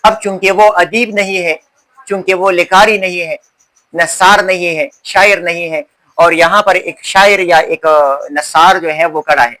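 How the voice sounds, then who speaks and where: A man teaching an Urdu literature lesson in a lecture style. He asks questions and answers them himself, and he repeats key words slowly. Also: high voice, fairly even intonation, bright, forceful tone, rough recording.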